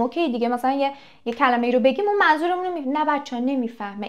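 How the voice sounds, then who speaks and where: A woman's voice: on the high side, dull audio. A young woman teaching English in a casual video lesson. She talks straight to the viewers, asks them questions and acts out little anecdotes.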